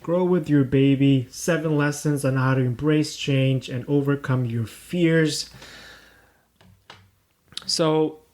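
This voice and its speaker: A man's voice: on the high side, slow pace, long pauses, darkish tone. A young man from Pakistan hosting his own podcast, talking earnestly and reflectively about his life, with many fillers and restarts. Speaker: podcast host. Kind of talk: reflective solo podcast monologue.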